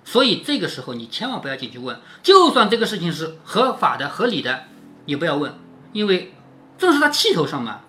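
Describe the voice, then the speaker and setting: A man's voice: on the high side, wildly swooping pitch, fairly quick, sharp tone, soft background music. A man reading a classic novel aloud and explaining it, often asking rhetorical questions. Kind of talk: storytelling with explanations.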